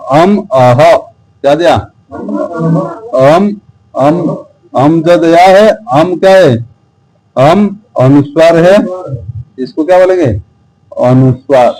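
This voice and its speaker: A man teaching Sanskrit grammar slowly, asking the class questions again and again and drilling sounds aloud. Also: fairly high pitch, darkish tone, poor audio. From India. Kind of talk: slow repetitive teaching.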